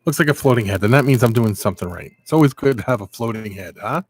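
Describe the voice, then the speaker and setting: A chatty man hosts a casual live stream, rambling along and greeting his viewers by name. His voice sits at an everyday middle pitch and comes through a webcam mic. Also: expressive, quick pace, husky.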